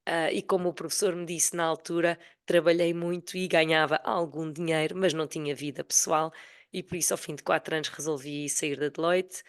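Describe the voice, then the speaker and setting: A woman in her forties with a European Portuguese accent speaks as an interview guest. Her voice sits slightly low and carries the effects of a flu she is getting over, as she tells personal stories in a casual way. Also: fairly even intonation, brisk, clear, resonant tone. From Portugal, Sintra area near Lisbon. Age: 40s. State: voice affected by a cold, recovering from flu. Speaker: podcast guest, retired corporate finance executive.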